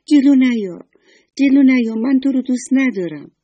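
A woman voicing a small, timid snowman who talks in a high, pleading, tearful way in a children's story. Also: lively intonation, dark tone, dry recording, dull audio. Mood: frightened.

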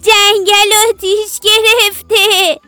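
A woman's voice: very high-pitched, level tone, sharp tone, soft background music, voice pushed up. A woman voicing a mischievous young goat that lies, bleating and giggling as it talks. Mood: mischievous glee. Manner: bleats 'beh, beh' and giggles.

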